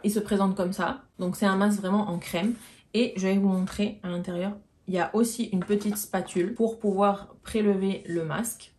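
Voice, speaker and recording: A woman's voice: medium pitch, steady tone, normal speed, darkish tone. A woman vlogger chatting casually to viewers as she shows and explains beauty products one by one. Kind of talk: casual product haul chat.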